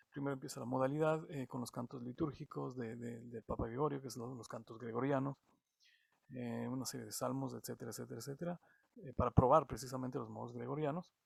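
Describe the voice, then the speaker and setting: A man from Latin America giving an online music theory lesson, halting and often repeating words as he explains. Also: mid-range voice, vocal fry, breathy edge, no room sound, studio quality. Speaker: music teacher.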